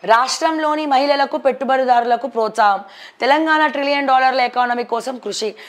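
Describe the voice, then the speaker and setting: Reading out headlines at a brisk clip, a high-voiced woman with a Telangana accent adds her own conversational opinions on the stories. English words keep popping up in her commentary.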